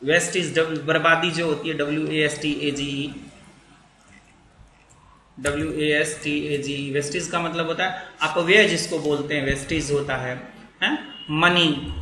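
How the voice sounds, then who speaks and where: A man with a bright, slightly raised voice gives a grammar lesson at a very slow pace. He drags out each word of his example sentences as if dictating them. The room around him is echoey. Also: fairly high pitch, a little hiss or hum. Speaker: English teacher.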